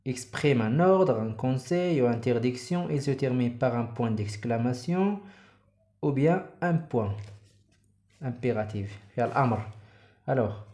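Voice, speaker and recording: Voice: medium pitch, warm tone. A teacher with a Moroccan accent giving a primary school French lesson, reading example sentences aloud and explaining them in Darija. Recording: echoey room.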